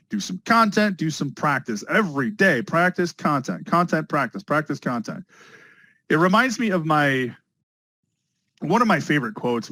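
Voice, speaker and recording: Guy teaching test prep, super animated, dry close mic. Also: a little high, no echo, low-quality recording. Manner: energetic, talks to students with repeated phrases. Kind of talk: live online class lecture.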